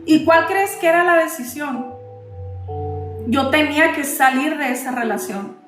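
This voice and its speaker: Slow-talking high-voiced woman sharing testimony. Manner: slow and emotional, repeats phrases. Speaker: host of a live talk. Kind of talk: personal testimony to a live audience. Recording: roomy sound with faint music.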